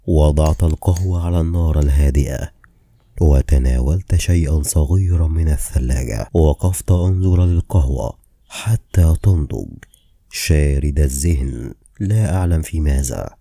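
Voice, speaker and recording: A man narrating a novel in the first person, calm and measured. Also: very deep voice, breathy edge, no echo, clean studio sound. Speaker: audiobook narrator.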